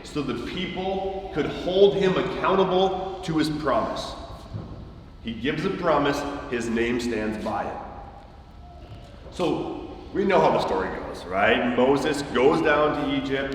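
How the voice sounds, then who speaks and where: Slow emphatic man preaching in echoey hall. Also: medium pitch, recorded from a distance, a little hiss or hum. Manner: emphatic, repeats key phrases for weight. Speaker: pastor. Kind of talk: sermon. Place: church sanctuary.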